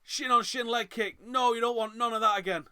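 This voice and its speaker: A man with a Manchester accent, speaking in a very high, brisk and smooth voice, hosts a live fight watchalong. He gives chatty reaction commentary, reads out viewer comments, and gets loud and excited at the big moments.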